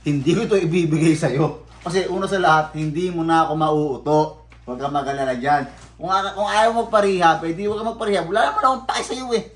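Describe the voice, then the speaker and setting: A blunt man rants casually to his viewers and swears freely. He drops into low mumbled asides, then bursts out loud. His fairly high voice bounces around an echoey room. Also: steady tone, brisk. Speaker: vlogger. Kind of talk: casual ranting vlog.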